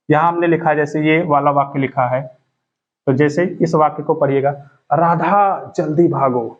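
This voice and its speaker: A man with a somewhat high voice teaching a grammar lesson for exam candidates. He walks through each point with everyday examples, speaking straight to the students. The sound is narrow and phone-like. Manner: explains step by step with everyday examples, addressing students directly.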